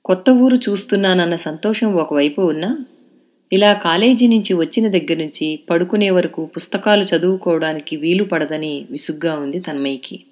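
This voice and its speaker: Lady reading an audio novel, calm steady storytelling, lowish voice. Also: moderate pace. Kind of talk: scripted audio novel narration.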